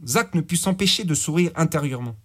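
A man's voice: on the high side, expressive, fast talker. A man narrating a gritty crime story in slangy, vivid audiobook style. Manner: slangy, vivid, voices characters. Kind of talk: audiobook narration with character voices.

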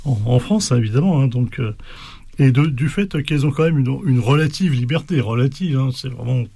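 A man talking loosely and at length, circling back with fillers and restarts. His voice is mellow and dark, in a dry, close sound with no room around it. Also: medium pitch, lively intonation, fairly quick, creaky, slightly rough, dry recording. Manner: rambling, many fillers and restarts; recites a poem in Esperanto in a rising, sing-song lilt. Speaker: guest explaining medieval poetry. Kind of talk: casual chat.

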